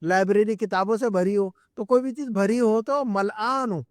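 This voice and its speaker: A man teaching a live Arabic class, explaining patiently, drilling words slowly and often checking that students follow. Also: high-pitched, no echo, studio quality. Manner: patient, repetitive explaining with frequent checks for understanding. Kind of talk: classroom grammar lesson. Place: live class at an Islamic centre.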